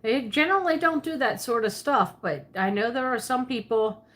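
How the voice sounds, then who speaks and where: A slightly high, somewhat bright voice at normal speed marks this woman from Pennsylvania. Hosting a livestream, she answers viewers in a Pennsylvania Dutch accent with a Southern twist, rambling and chatty, laughing often and self-correcting.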